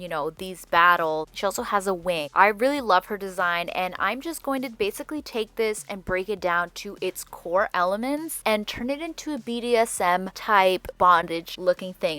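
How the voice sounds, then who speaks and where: Woman, speech slightly altered by braces, mid-range pitch, informal chatty tutorial narration, dry room sound. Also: fairly bright tone, dry recording. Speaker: doll repaint tutorial host. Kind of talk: casual voice-over tutorial narration.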